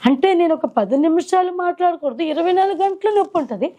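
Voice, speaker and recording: Woman with a high voice telling her faith story at home, earnest, keeps asking herself why. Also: animated, quick pace, dark tone. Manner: earnest storytelling with many rhetorical questions. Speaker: testimony giver. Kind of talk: personal faith testimony.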